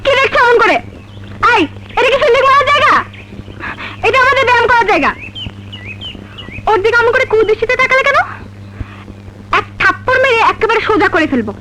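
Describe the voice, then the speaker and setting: A woman's voice: very high voice, animated, a little fast, long pauses, noisy background. An actress playing a haughty, bossy young rich woman who scolds imperiously in melodramatic film style, mixing in English commands. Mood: haughty, scolding. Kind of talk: melodramatic Bangla film acting.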